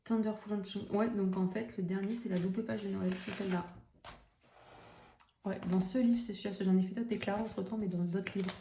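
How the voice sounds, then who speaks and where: A young woman talks through her coloring plans in a loose, self-mocking way, full of fillers and asides. Her voice is mellow and warm. She records in an echoey room with faint background noise. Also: medium pitch, steady tone, a little fast. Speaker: coloring vlogger. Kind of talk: casual chat.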